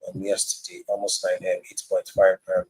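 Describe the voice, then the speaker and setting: Host on a video call: man with a low, husky voice, walking through a chart in a casual market breakdown. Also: monotone, normal speed, a little mellow, rough recording. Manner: walks through a price chart step by step. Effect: voice heard over a video call. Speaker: crypto trading host sharing his screen.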